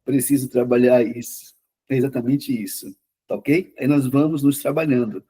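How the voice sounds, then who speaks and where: A man lectures a class in a quick, conversational way, often repeating words to drive a point home. His voice is dark and mellow, with a slightly husky grain. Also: medium pitch, steady tone. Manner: says himself he talks fast. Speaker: lecturer on mental health therapy.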